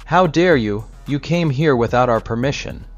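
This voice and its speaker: A man's voice: mid-range voice, expressive, normal speed, lightly acted. A man reading an arrogant rich village leader. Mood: haughty. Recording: slightly dull recording with soft music.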